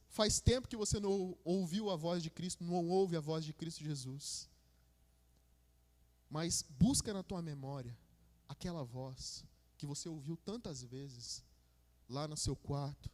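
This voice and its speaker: A man preaching a sermon as a minister, with a Brazilian Portuguese accent, building to fervent passages and calling listeners "my brother". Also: a little mellow. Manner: rising to fervent, high-pitched preaching. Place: church hall. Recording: long church-hall reverb.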